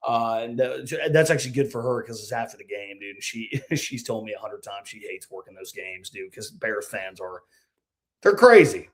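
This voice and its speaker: A young man co-hosting a sports podcast, telling stories in a casual, animated way and saying "dude" often. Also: fairly low pitch, moderate pace, hardly any pauses. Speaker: podcast co-host. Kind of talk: casual chat.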